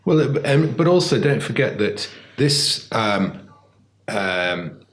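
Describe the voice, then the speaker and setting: A man's voice: medium pitch, sing-song, slow pace. A British man in a political panel discussion, speaking with many fillers and restarts. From Britain. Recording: echoey room, faint noise.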